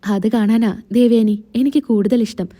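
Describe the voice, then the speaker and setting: A woman voicing a kindly father-in-law in a calm, earnest way. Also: a little high, normal speed, close to an everyday voice.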